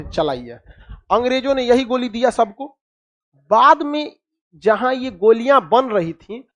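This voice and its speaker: This history lecture comes from a chatty classroom teacher from Uttar Pradesh or Bihar, with a medium-pitched voice and lo-fi sound. Rhetorical questions for the class and joking asides keep coming.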